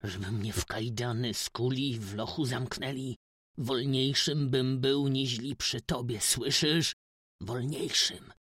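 A man voicing a young village man, speaking roughly and with hostility, in a dry, close recording. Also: fairly low pitch, fairly even intonation, slow, dry recording, heavily acted. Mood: bitter. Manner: rough, hostile muttering and shouting. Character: young peasant man, bitter and defiant.

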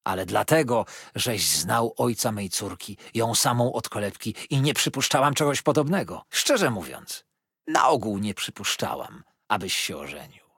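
A man's voice: on the low side, big pitch swings, normal speed, a bit bright, slightly rough, no room sound, studio quality, exaggerated voice. A man voicing a talkative, pushy old mother-in-law in an audiobook, gushing and insistent.

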